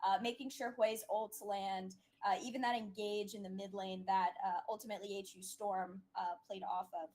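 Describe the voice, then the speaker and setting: Over a headset, a female esports co-caster gives chatty color commentary on a live match in a slightly mellow, mid-range voice. Her tone is steady at normal speed with hardly any pauses, though she sounds hesitant and uses many fillers.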